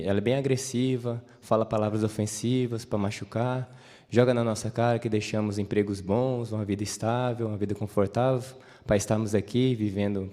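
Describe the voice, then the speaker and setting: Mellow Brazilian man in an echoing hall. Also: fairly low pitch. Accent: Brazilian Portuguese. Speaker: interviewee. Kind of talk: stage interview, personal account. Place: large assembly hall. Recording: reverberant assembly hall.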